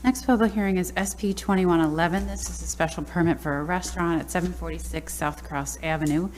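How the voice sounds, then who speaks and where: Woman reading a formal agenda item, low voice. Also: brisk, slight background noise. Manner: formal, even, procedural. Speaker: hearing chair or staff.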